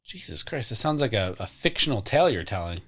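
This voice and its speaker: A man's voice: fairly low pitch, big pitch swings, fast talker, a bit bright. A man co-hosting a casual podcast, cracking jokes and interjecting. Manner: wisecracking, interjecting. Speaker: podcast co-host. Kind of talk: casual chat.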